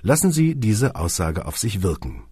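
A man's voice: lowish voice, very animated, moderate pace, dark tone, slight background noise. A man reading an audiobook in a wry, dryly humorous way, sometimes speaking straight to the listener. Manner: wry, dry humour, speaks to the listener directly. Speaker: audiobook narrator. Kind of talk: scripted audiobook narration.

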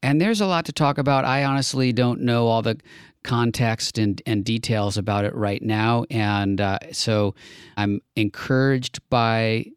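A man's voice: medium pitch, fairly even intonation, unhurried, clean tone, no room sound, studio quality. A man hosting a casual political podcast chat, talking earnestly with plenty of thinking fillers. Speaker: podcast host.

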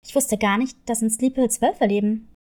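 A woman's voice: fairly high pitch, steady tone, a little fast, pitched below the performer's own voice, natural voice. A woman voicing a strong, proud grown male cat who is a loving father, in a children's story. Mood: fatherly. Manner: warm, confident, boastful. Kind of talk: storybook reading.

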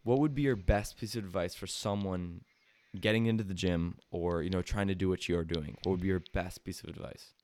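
A young man hosting a podcast in casual chat, encouraging and quick to agree with his guest. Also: low-pitched, fairly even intonation, darkish tone. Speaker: podcast host.

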